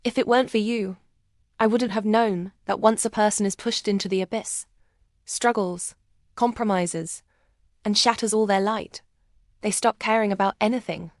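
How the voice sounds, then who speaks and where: Woman doing a cold gloomy husband, quiet, bitter, storybook reading, dry sound. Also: medium pitch, fairly even intonation, moderate pace, no echo, close to an everyday voice.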